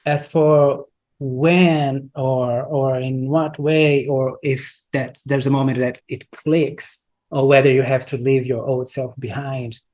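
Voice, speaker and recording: Speaking slowly in a mellow, medium-pitched voice with a level tone, this man is from Brazil and speaks Brazilian Portuguese as his first language. As a software entrepreneur guest answering casual interview questions, he reflects carefully, hunts for words, and often starts over.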